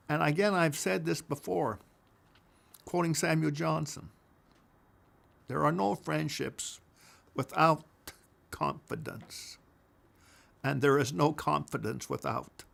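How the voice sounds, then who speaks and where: An older man with a gravelly, rather high voice tells a personal story from his past. He is emphatic, swinging between loud declarations and hushed asides.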